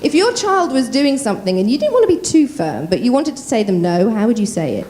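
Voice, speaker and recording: Animated quick-talking woman voice coach. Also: a little high. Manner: lively, quick-talking, quizzes the audience. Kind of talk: conference workshop talk. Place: conference room.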